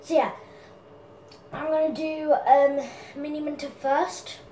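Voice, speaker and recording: A woman's voice: high voice, little pitch movement, takes it slowly, distant mic, background noise. A woman answering fan questions in a casual vlog, giggly and apologetic, with lots of ums. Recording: echoey room, from off mic.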